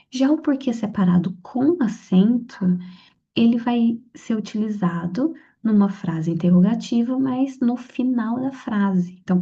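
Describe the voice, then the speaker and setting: A woman explaining grammar for a civil-service exam in a relaxed, chatty lesson, often checking in with her listener. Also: medium pitch, gravelly, husky. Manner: conversational, frequent "tá?" and "então". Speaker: exam prep tutor. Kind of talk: casual spoken lesson. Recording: slightly dull lo-fi audio.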